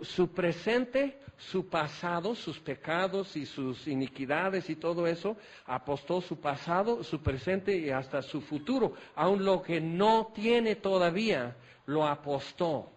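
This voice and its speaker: High-voiced preacher. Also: male voice. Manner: rhetorical, repetitive questioning; folksy, self-deprecating humor. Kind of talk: sermon.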